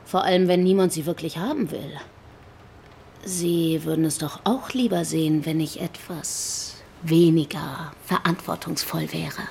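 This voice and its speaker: In a German radio drama, an actress plays a cool, self-assured, flirtatious woman under police suspicion, teasing and probing with a mocking manner. Her low, unhurried voice is gravelly and a little mellow, with slight hiss or hum.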